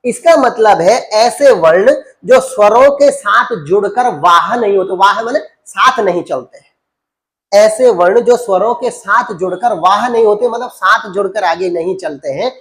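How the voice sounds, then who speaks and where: A man's voice: high-pitched, a bit bright. Male Hindi grammar teacher quizzing students. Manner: rhetorical questions, repeats key terms for students; addresses students as beta and babu.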